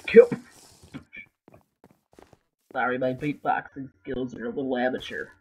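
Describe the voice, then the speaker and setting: A man joking around in voice chat during a game, with loud bursts of excitement. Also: medium pitch, a little fast, slight background noise, low-quality recording. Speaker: gamer in voice chat. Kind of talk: casual gaming chat.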